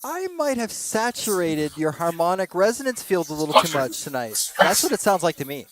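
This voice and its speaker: A man's voice: on the high side, big pitch swings, moderate pace. A man hosting a late-night live stream and trying to contact spirits, talking to his chat in a wry, self-mocking way. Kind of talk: casual live-stream commentary.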